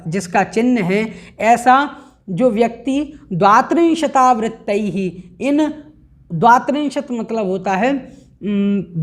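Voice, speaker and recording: A man teaching an online religious lesson, explaining each word patiently and chanting Sanskrit verses slowly and carefully. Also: high voice. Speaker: teacher of a scripture study course.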